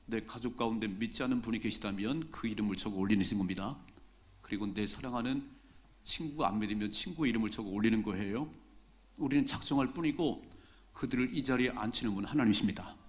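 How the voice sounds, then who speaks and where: A man's voice: lowish voice, fast. A middle-aged man, a pastor, preaching a Sunday sermon in a church in a conversational way, repeating key phrases for emphasis. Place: church sanctuary during a Sunday service.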